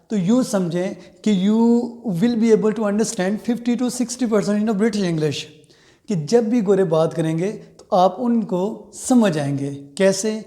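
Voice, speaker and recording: A man's voice: sits high, dark tone. A man teaching English pronunciation in a video lecture. He switches between English and Urdu-Hindi, repeats key phrases and corrects himself as he goes. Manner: self-correcting, frequent "you know".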